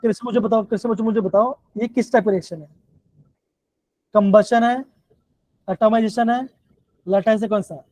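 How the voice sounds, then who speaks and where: Over dull, dry, low-fi online-class audio without echo, the same Himachali-accented chemistry teacher speaks at a moderate pace with fairly even intonation and a darkish tone, pausing often. He asks his questions again and again and repeatedly addresses the class as "बच्चों".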